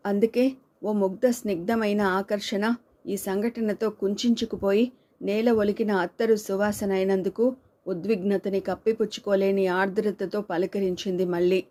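Woman, storyteller, scripted audiobook narration, medium pitch, light voice shifts for dialogue. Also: mellow.

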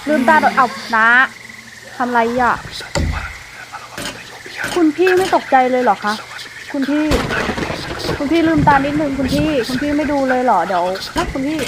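A woman's voice: high-pitched, expressive, moderate pace, long pauses, noisy background. A woman streaming a horror game, casually commentating and teasing the ghosts with brash, crude slang.

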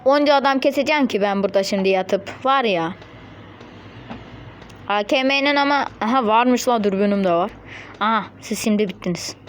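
A high-voiced woman streaming a mobile game, talking to herself and her viewers in a chatty running commentary. She keeps breaking into sudden shrill yelps and insults at opponents. A faint hiss of noise sits under her voice. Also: normal speed. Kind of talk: casual gameplay commentary.

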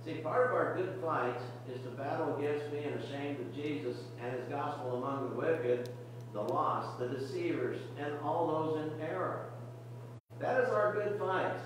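Casting: older male preacher, high voice, earnest sermon delivery, distant mic in a reverberant sanctuary. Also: normal speed, background noise. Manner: earnest, repetitive exhortation with frequent restarts. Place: church sanctuary, medium size, indoors. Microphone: podium mic, camera far at back of room. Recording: very echoey distant church recording.

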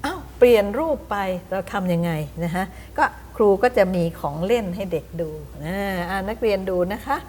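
A middle-aged woman teaches a room of teachers, spelling words out slowly and showing each step. She keeps asking her listeners questions as she explains. Her voice is mid-pitched, with faint noise behind it. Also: a little mellow. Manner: explains with demonstrations; asks the audience questions. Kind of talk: lecture to teachers.

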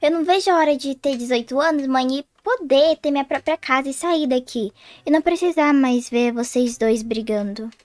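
A woman's voice: high voice, normal speed, few pauses, close to an everyday voice. A woman voicing a skeptical, exasperated teenage girl in a game roleplay. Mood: fed-up. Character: teenage girl, fed up with her parents' fights, skeptical.

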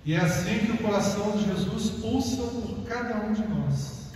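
A high-voiced man with a Brazilian Portuguese accent preaches into a handheld mic in a large church. He calls out questions, then slows to a soft, slow voice. The sound comes from far back, with a long echo. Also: a little hiss or hum. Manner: calls out questions to the crowd, then speaks softly and slowly. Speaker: deacon. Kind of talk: sermon talk to a church group. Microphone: handheld mic, filmed from the pews.

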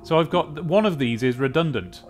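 With game music playing, a young British let's play host delivers wry, chatty commentary, thinking aloud at a moderate pace in a slightly high, animated voice. He's close to a desk microphone with a pop filter at a desk in a small room.

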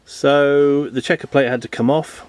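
A man's voice: medium pitch, steady tone, unhurried, a little mellow, smooth. A man, talking casually and rambling with many ums while filming a boat repair outdoors on a handheld camera. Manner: chatty, rambling, self-deprecating, lots of ums. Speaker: boat renovation vlogger. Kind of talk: casual how-to commentary. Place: outdoors in a garden workshop.

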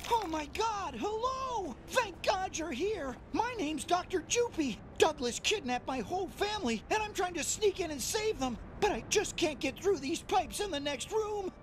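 Jittery high-pitched alien scientist, bouncy delivery, noisy game audio. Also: male voice, lively intonation, moderate pace, hardly any pauses. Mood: frantic. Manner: nervous, gushing, overly grateful. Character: frantic small male alien scientist impostor. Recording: game audio with loud noise behind.

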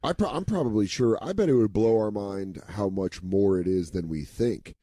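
A man co-hosting a podcast, a making deadpan jokes and acting out quotes in casual chat. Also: lowish voice, normal speed, no room sound, studio quality. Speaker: podcast co-host.

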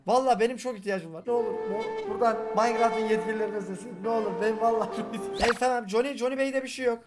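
A man giving excitable, joking commentary on his gameplay, talking straight to his viewers. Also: sits high. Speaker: gaming YouTuber.

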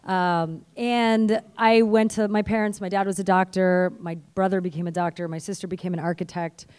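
A woman's voice: fairly low pitch, steady tone, moderate pace, darkish tone, clear, resonant tone. A middle-aged woman from Canada speaking on a convention panel into a handheld mic, chatty and self-deprecating. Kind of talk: panel talk. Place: stage in a convention hall.

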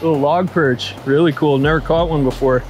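A man, chatting excitedly to viewers while fishing on a riverbank, recorded on a head-mounted action camera. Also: on the high side, brisk, background noise. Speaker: fishing vlogger. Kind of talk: casual fishing vlog commentary. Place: outdoors on a riverbank and lakeshore.

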